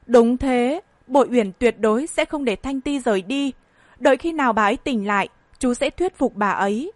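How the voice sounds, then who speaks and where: A woman's voice: fairly high pitch, expressive, normal speed, no room sound, close to an everyday voice. A woman voicing a stern old family patriarch. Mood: weary. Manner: scolding, weary and disappointed. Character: stern old grandfather, head of a rich family.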